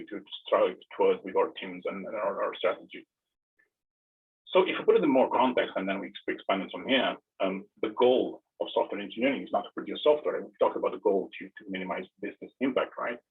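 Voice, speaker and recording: A low-voiced man, giving a tech talk. His voice is very husky and breathy, and he often stumbles and repeats words before going on. The sound is narrow and tinny, like a phone line. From Romania. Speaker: tech presenter. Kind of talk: online tech presentation.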